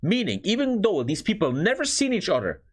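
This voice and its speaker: A man from Norway with a husky voice, giving casual, excitable live reaction commentary as a streamer and swearing freely. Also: sits high, a little fast. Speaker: streamer reacting to a history video.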